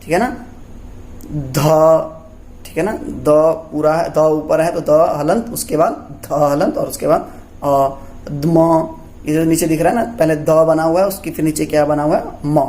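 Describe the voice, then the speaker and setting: A man's voice: a little high, a little slow, mellow. Man teaching Sanskrit letters step by step. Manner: repeats questions and answers them himself, checking in often. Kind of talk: classroom lesson explaining letters.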